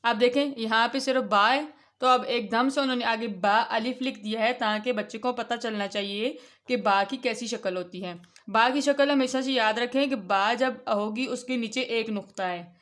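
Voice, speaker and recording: A woman with a fairly high voice leads a children's Quran reading lesson. She explains each point patiently and draws out the letter names when she recites them. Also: fairly bright tone. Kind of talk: instructional lesson.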